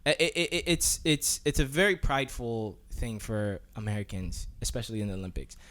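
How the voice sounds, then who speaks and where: Animated man rambling on a podcast. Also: fairly low pitch, brisk. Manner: animated, loose, full of restarts and fillers. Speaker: podcast co-host. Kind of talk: casual podcast chat.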